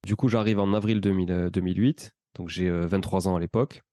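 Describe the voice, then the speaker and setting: A man in his thirties with a Toulouse accent, telling his life story as a podcast guest in a relaxed, rambling way with many fillers. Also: low voice, fast, no echo, clean studio sound. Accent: Toulouse French. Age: 30s. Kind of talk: casual conversational storytelling.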